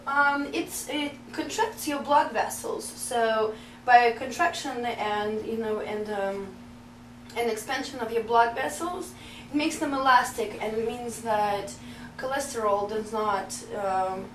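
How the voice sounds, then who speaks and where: A young woman from Russia chats playfully as a guest, giggling and stalling with fillers. Her voice is fairly high. The recording sounds roomy, with a faint hum behind. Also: unhurried. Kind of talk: casual interview chat. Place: indoor bedroom set.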